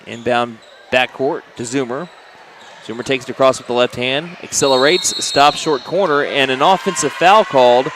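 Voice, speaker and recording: A man with an Oklahoma accent calling high school basketball play-by-play on the radio, quick and chatty with jokey asides. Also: background noise. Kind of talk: play-by-play commentary.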